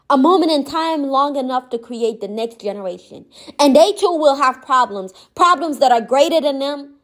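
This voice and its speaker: Impassioned high-voiced woman speaker. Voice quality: gentle yet firm. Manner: impassioned, repetitive emphatic phrasing. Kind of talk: motivational monologue.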